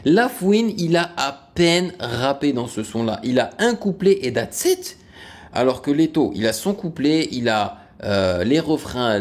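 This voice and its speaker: Gravelly-voiced man in his late 30s. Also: on the high side, a little mellow. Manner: frank, rambling, many fillers. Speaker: music reaction host. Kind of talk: casual reaction commentary.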